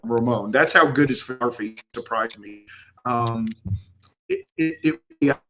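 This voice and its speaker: A man's voice: medium pitch, unhurried, sharp tone, low-quality recording. West Texas man with a slurry twang. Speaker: livestream host and photographer. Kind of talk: casual livestream chat.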